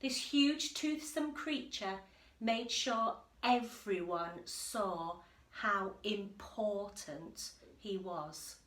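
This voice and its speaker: A woman reading a children's picture book aloud like an infant school teacher, animated and emphatic, with chatty asides. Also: mid-range voice. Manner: animated, deliberate storyteller with emphatic delivery. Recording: roomy, echoey indoor sound.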